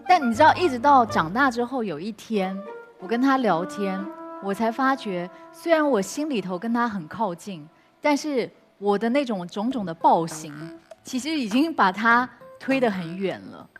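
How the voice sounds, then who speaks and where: A woman speaks candidly on a talk show, her voice a little high for a woman. She leaps into sharp, high bursts when she re-enacts her own anger, and clear music plays behind her. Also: expressive, normal speed. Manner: candid, acts out quoted outbursts with sudden high bursts and laughs. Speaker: guest. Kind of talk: emotional personal storytelling on a talk show.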